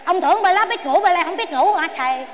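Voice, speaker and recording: A woman with a Southern Vietnamese accent playing a stubborn elderly wife in a stage comedy sketch, whiny and quick-tongued. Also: very high-pitched, expressive. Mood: bickering.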